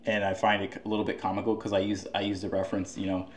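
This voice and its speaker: A man's voice: fairly low pitch, completely flat delivery, rapid-fire, slight background noise. A man hosting a casual interview, conversational and a bit sarcastic, with many fillers.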